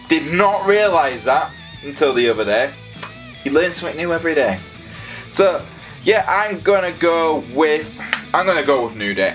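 A young man hosting a casual predictions vlog, excitable and rambling as he talks straight to his viewers. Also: medium pitch. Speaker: wrestling predictions host.

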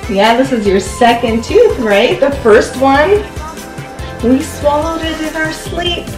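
A woman, a mother, chatting playfully and in an animated way with a young child while playing a game. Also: high voice, slow. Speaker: mother co-hosting a family toy channel. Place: indoor room at a table, echoey. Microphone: camera a short distance away. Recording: roomy echo, music behind.

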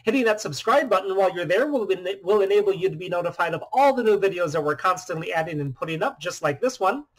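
Guy in his 30s walking thru a phone demo, kinda high voice, calm explainer tone, webcam in a little room. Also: quick pace, hardly any pauses. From US Midwest. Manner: steady explanatory talk. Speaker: phone repair shop owner. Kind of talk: product demo vlog. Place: small room indoors.

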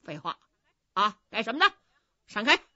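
Woman playing a blustering boorish general, loud and bullying, high bright voice, swooping pitch, dry dull recording. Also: sing-song, normal speed, no echo, heavily acted. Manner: bullying, shouting, boastful. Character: arrogant boorish male general, loud braggart.

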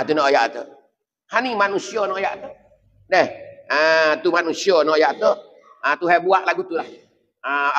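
Male preacher, high-pitched and emphatic, lo-fi sound. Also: fairly bright tone. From southern Thailand. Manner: repetitive, emphatic, chanting Arabic quotes. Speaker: religious teacher. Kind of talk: sermon. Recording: dull lo-fi with long reverb.

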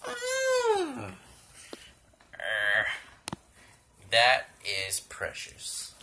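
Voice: mid-range voice, takes it slowly, slight background noise. A vlogger talking casually while playing with a puppy, swearing freely and calling out playful exclamations. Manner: lively, playfully exaggerated exclamations.

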